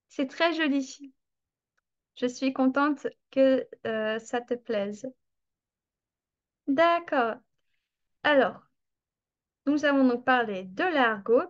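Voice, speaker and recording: A woman teaching French in an online webinar, explaining slowly and patiently with drawn-out examples. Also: high-pitched, dull audio.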